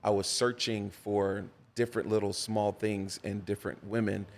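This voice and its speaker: A pastor guesting on a podcast tells personal stories in conversation, with a lowish voice at normal speed. Animated and preacherly in cadence, he repeats things for emphasis. Slight background noise is audible.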